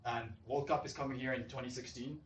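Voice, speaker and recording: A man from Zimbabwe pitching his startup with eager, salesy drive. His voice sits at a middling pitch. It is caught by a distant mic in a roomy hall with a faint hum of noise behind it. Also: steady tone, fairly quick. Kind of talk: pitch presentation and Q&A. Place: event hall.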